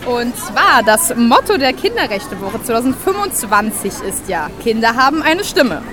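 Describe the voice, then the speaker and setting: A woman's voice: fairly high pitch, big pitch swings, normal speed. A young woman reporter patiently interviewing children outdoors, asking simple, encouraging questions. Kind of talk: casual on-the-street interview. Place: busy outdoor town square. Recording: outdoor crowd and music behind.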